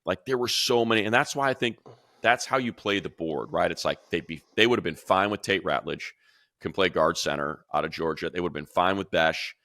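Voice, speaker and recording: Breaking down football picks on a casual podcast, this radio play-by-play man and co-host has a very low, bright, forceful voice. He talks fast and excitedly, rambling, restarting sentences and dropping fillers, all captured in a dry, close recording.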